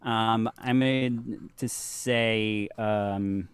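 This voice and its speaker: A man narrating a tabletop game as game master, halting with many restarts and frequent laughter. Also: lowish voice, steady tone, smooth, no echo.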